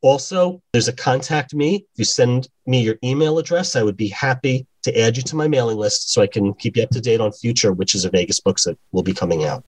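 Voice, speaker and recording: A man's voice: mid-range voice, fairly quick, few pauses, slightly rough, low-quality recording. A man, an author, reading an excerpt from his novel and then answering interview questions plainly.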